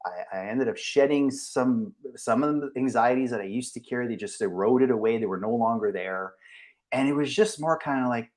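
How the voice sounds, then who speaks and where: A man's voice: medium pitch, moderate pace. Chatty man in his forties hosting. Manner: chatty, thinks out loud with many fillers. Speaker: podcast host and leadership coach. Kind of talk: casual interview chat.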